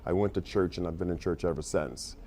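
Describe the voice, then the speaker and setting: An American playwright and director from Detroit earnestly tells his story in a conversational TV interview, feeling his way into his sentences. His voice is low and dark-toned, and he speaks briskly.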